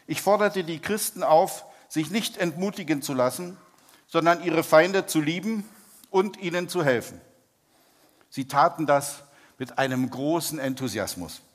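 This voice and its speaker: Male preacher, slightly high voice, measured sermon storytelling, long hall reverb. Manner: measured, slows down for emphasis.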